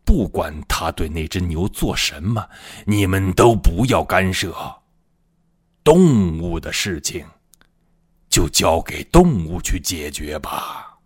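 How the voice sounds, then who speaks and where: A man's voice: deep voice, big pitch swings, takes it slowly, husky, dry recording, clean studio sound, exaggerated voice. A man voicing a furious, domineering one-eyed general in a told story, roaring his orders. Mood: wrathful. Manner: roaring, commanding.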